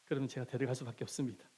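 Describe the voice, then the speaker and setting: A man's voice: mid-range voice, dark tone, husky. A man from Korea's Gyeongsang Province preaching a sermon as a pastor, emphatic and asking the congregation rhetorical questions. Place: church sanctuary.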